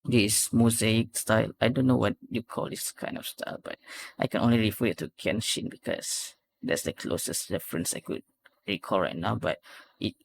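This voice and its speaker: A man hosts a reaction video, offering casual commentary and analysis as he thinks aloud and repeats phrases. His voice is lowish and creaky at normal speed, with faint music behind him.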